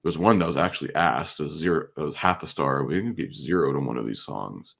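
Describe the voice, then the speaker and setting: A man's voice: rumbling low, fast talker, gravelly, fairly bright tone. A man co-hosting a music review show in casual, conversational chat.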